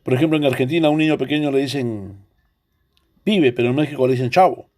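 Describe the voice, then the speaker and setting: Peruvian man teaching a mellow lesson. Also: mid-range voice, fast. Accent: Peruvian Spanish. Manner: explanatory, asks rhetorical questions. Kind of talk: recorded online language lesson.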